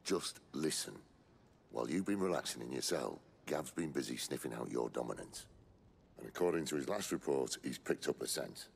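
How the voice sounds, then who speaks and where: An actor playing a gruff, sardonic, commanding rebel leader in a video game, with a gravelly British voice and a dry, blunt way of talking. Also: male voice, very deep voice, sing-song, moderate pace, slight background noise, heavily acted. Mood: firm, persuasive.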